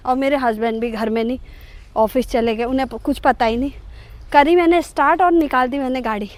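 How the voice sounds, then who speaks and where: A middle-aged woman telling a comic personal story to her viewers in an animated, self-mocking way. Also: high voice, a little fast, no room sound. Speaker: vlogger.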